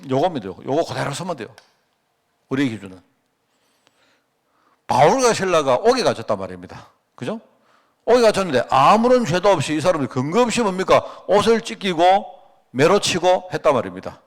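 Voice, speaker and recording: Man, middle-aged pastor, sermon, lively swooping delivery, slightly high voice, rhetorical questions. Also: brisk, pauses often. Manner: conversational preaching with rhetorical questions and anecdotes; acts out quoted dialogue. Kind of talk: sermon at a Friday prayer meeting.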